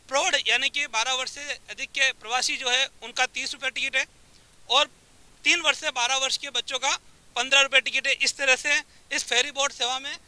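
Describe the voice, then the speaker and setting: A middle-aged man reporting the news outdoors on a seaside jetty, speaking into a handheld mic with a steady, informative delivery and frequent filler sounds. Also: extremely high pitch, clean tone, dry recording, poor audio.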